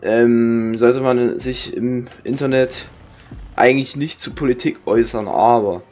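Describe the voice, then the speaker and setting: A man's voice: mid-range voice, fairly even intonation, measured pace, a little mellow. A young man from Germany gives casual, rambling gameplay commentary in slangy speech, grumbling and swearing. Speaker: gaming streamer. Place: indoor room with webcam.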